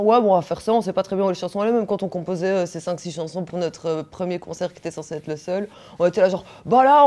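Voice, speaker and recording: A woman's voice: medium pitch, warm tone. A woman, a punk singer answering interview questions bluntly and crudely, with jokes and fillers. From Belgium. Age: 30s.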